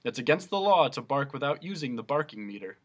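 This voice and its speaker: A man voices a blustering policeman who is also the judge and jailer, booming out loud, pompous proclamations of his own importance. His mid-range voice is sing-song and quick.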